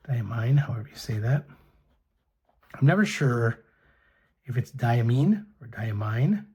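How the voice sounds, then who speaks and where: A middle-aged man talks through his fountain pens and inks in a relaxed show-and-tell. His voice is mellow and quite raspy. He speaks softly and hesitantly, with plenty of fillers and restarts. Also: mid-range voice. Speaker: pen and ink reviewer. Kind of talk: casual show-and-tell review.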